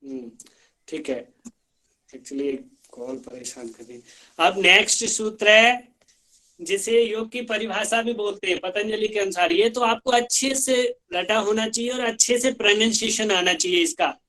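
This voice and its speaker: A male yoga teacher leads an online class over a video call, chanting Sanskrit sutras line by line so students can repeat them. His pronunciation is careful and drawn out, and his tone is high-pitched and sharp.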